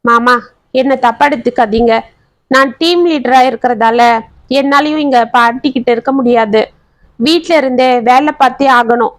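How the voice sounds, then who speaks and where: A woman's voice: on the high side, moderate pace, no room sound, lightly acted, low-quality recording. A woman voicing a polite, apologetic young man. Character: polite young man, busy office worker.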